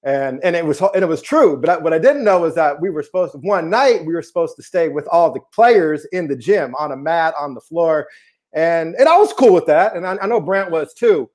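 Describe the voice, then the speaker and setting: A man's voice: fairly high pitch, animated, a little fast, darkish tone. A man from the Seattle area, a basketball coach, chatting casually and telling stories over a video call. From Seattle area, USA. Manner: laid-back, laughs easily, says man a lot. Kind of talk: casual chat, storytelling. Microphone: remote video call.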